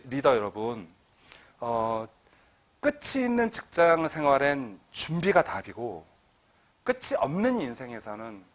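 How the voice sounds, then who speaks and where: A middle-aged man giving an author talk to an audience, telling stories and acting out quoted dialogue. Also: medium pitch. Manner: animated storytelling, acts out quoted dialogue. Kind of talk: lecture to an audience. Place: lecture hall.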